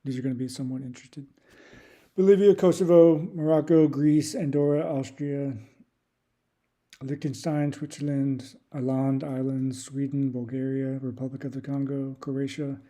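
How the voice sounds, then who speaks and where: Dude on a stream, really dark mellow tone, mid pitch, reels off a list, kinda hesitant. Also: male voice, normal speed. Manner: reads off long lists in a steady run; thinks aloud with hesitant restarts. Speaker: YouTube creator. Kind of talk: casual live-stream commentary.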